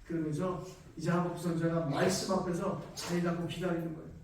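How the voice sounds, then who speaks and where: High-voiced preaching man, echoey room. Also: little pitch movement, fast. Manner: emphatic preaching with many rhetorical questions. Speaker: pastor. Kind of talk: sermon. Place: church prayer room. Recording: very echoey room, far mic, faint hiss.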